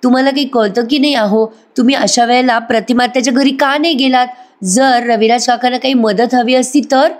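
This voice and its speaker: A woman's voice: mid-range voice, normal speed, natural voice. Anxious young woman, pleading tone, played by the female narrator. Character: anxious young woman, worried about family.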